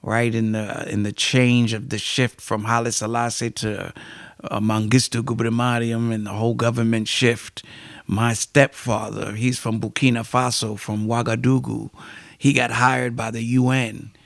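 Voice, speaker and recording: A middle-aged American man with a New York accent, a poet and musician, tells his life story as an interview guest. His medium-pitched, creaky voice moves little in pitch and runs a bit slow; he is thoughtful and full of fillers. The recording is dry.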